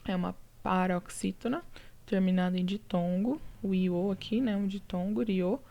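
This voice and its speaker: A woman with a Brazilian Portuguese accent teaching a recorded lesson, walking through each answer step by step. Her voice is dark and gravelly, with a mellow, unhurried tone. She checks in with her students often as she explains. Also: medium pitch, fairly even intonation, lo-fi sound. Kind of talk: recorded lesson going over exercises.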